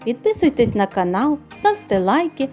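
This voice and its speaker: A woman storyteller reading a bedtime fairy tale in a clear, expressive way. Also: on the high side, normal speed, faint music behind.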